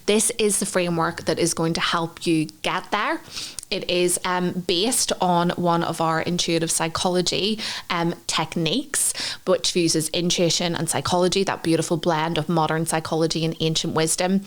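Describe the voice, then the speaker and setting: Lower-pitched Northern Irish woman podcaster. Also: steady tone, normal speed. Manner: earnest, encouraging, explains step by step. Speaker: podcast co-host. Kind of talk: conversational podcast teaching.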